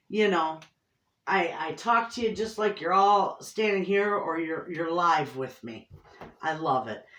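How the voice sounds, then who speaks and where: A middle-aged woman with an Inland Northern Michigan accent, chatting casually and effusively to camera in a folksy way, often repeating herself. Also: on the low side. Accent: Inland Northern American (Michigan). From Michigan, United States. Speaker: homestead cooking vlogger. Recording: roomy echo, distant microphone.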